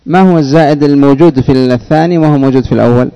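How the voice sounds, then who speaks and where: Guy teaching grammar in class, mellow voice, slow, keeps repeating stuff and asking the students. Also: mid-range voice, clean tone, highs cut off.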